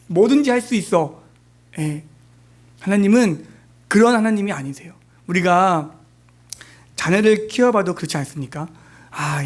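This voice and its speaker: A pastor preaching a sermon in a conversational way, asking the congregation many questions. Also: male voice, sits high, a little mellow. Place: church.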